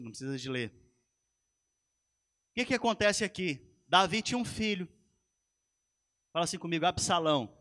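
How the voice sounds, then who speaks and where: A male pastor delivers a sermon, his high and bright voice carrying the story with animation. He speaks straight to his congregation as he goes. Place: church.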